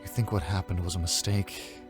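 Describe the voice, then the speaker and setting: A man performs a lovelorn, remorseful young antihero voicing a letter in a motion comic. The voice is deep, earnest and measured, with a pleading weight. Loud music surrounds it. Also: steady tone, natural voice. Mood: tender, pleading.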